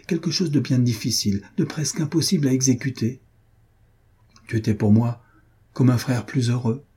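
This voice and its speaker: A man's voice: medium pitch, dark tone, husky, natural voice. A man reading an anguished, jealous husband who pleads with his friend in emotional outbursts, in an audiobook.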